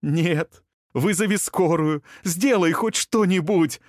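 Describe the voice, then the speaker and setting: A man's voice: medium pitch, unhurried, a little mellow, no room sound, clean studio sound, lightly acted. A man reading an audiobook, voicing a grief-stricken young woman who sobs and pleads over her dying sister. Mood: screaming. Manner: sobbing, pleading, desperate.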